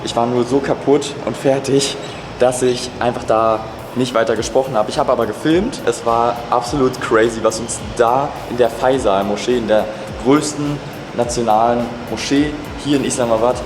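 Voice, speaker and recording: A man vlogging his travels outdoors in a city, upbeat and excited, piling on intensifiers as he talks to his camera. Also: mid-range voice, normal speed, roomy sound, over music. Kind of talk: casual travel vlog.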